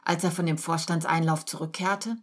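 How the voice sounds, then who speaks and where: A woman reading an audiobook and voicing an affectionate male partner who speaks softly and sympathetically. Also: low-pitched, fairly even intonation, normal speed. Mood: curious. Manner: soft, purring, sympathetic.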